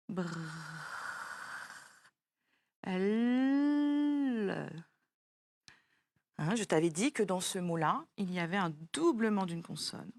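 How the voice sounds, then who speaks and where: A woman's voice: mid-range voice, no room sound. A woman teaching a child French spelling, patiently spelling words out letter by letter.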